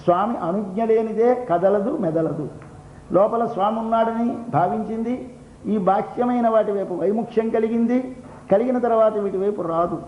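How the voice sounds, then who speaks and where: Older male discourse speaker, high voice, repetitive explaining style, roomy lo-fi recording. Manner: expounds slowly, repeats phrases, chants verses in song. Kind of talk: devotional discourse explaining a Tamil hymn. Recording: roomy, dull lo-fi recording with faint noise.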